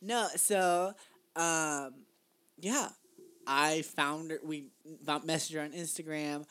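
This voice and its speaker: A man's voice: fairly high pitch, takes it slowly, a bit bright, clear, resonant tone. A young man co-hosting a casual podcast, telling a family story in a rambling way with lots of fillers and restarts. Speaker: podcast co-host. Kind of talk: casual chat.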